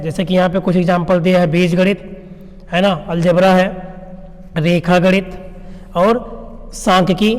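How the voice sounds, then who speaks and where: A man with a fairly high voice teaches an exam-prep lesson. He poses questions and answers them himself, checking in with his listeners after each point. The sound rings with a long reverb tail. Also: darkish tone. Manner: explains step by step, asks rhetorical questions and answers them; checks in with "है ना" and "ठीक है ना".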